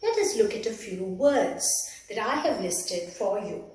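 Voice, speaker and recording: A woman giving a phonics lesson, explaining letters and their sounds with slow, careful enunciation. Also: mid-range voice, very animated, darkish tone, slight background noise. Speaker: teacher. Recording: echoey room, voice from a distance.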